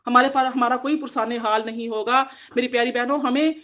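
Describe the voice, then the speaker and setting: A woman's voice: a little high, steady tone, fairly bright tone. A woman giving an earnest devotional Quran commentary to women, exhorting them in repeated phrases. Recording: dull lo-fi audio.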